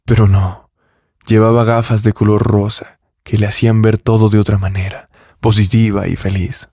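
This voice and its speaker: A male storyteller narrating a scripted drama in a low voice. His reading is steady and even, warm and mellow in tone. The recording is dry and close. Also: normal speed, slightly rough, no room sound.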